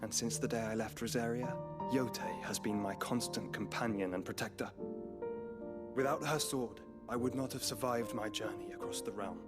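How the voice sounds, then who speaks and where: An actor playing a calm young noble heir who speaks in a measured, formal way. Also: male voice, lowish voice, natural voice. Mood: earnest. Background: game music.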